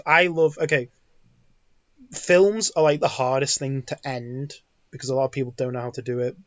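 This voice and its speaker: A man's voice: medium pitch, dry recording, lo-fi sound. A man co-hosting a podcast in casual chat, rambling and restarting his sentences often. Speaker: podcast co-host.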